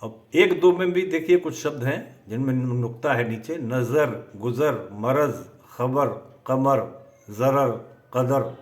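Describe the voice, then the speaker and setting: A man teaching poetic meter in a slow, methodical lesson, dictating word lists. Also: mid-range voice. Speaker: poetry teacher.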